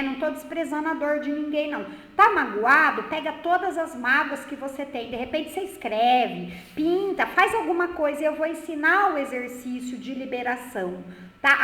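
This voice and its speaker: A woman's voice: high-pitched, fairly bright tone. A middle-aged woman from Brazil, a psychotherapist and spiritual teacher, giving a chatty talk to a live group and talking straight to them, often acting out the voices of the people she quotes. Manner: chatty, addresses the group directly and often, acts out quoted speech. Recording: echoey room.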